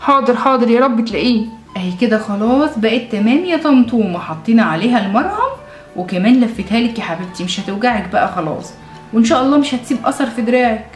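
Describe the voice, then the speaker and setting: A woman's voice: a little high, lively intonation, fast talker, reverberant, soft background music. A woman with an Egyptian Arabic accent playing a mother who scolds firmly but tenderly in a scripted family sketch.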